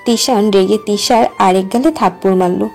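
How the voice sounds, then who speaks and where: A woman's voice: mid-range voice, normal speed, darkish tone, soft background music. Woman narrating a romance story. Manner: plain, storytelling. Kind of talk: scripted narration.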